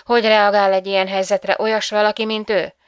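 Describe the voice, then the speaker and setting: A woman's voice: medium pitch, little pitch movement, clear, resonant tone, dry recording, clean studio sound, lightly acted. A woman voicing a probing female TV interviewer. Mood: inquisitive. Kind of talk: audiobook reading.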